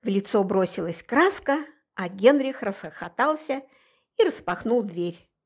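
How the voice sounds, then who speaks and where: Expressive woman reading an audiobook. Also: medium pitch, unhurried, husky. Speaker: audiobook narrator. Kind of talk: first-person audiobook narration.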